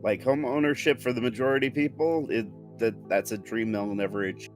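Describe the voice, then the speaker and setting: A man's voice: mid-range voice, fairly quick, soft background music. A man co-hosting a casual podcast, complaining loosely and swearing. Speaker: podcast co-host.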